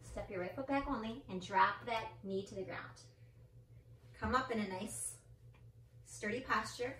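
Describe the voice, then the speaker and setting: A woman's voice: fairly high pitch, measured pace, pushed and bright, echoey room, distant mic, poor audio. A woman leading a family yoga class, calling out step-by-step cues and countdowns in an encouraging, playful way. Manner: playful with her child. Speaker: yoga instructor. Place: indoor room with a mirror and mat or carpet.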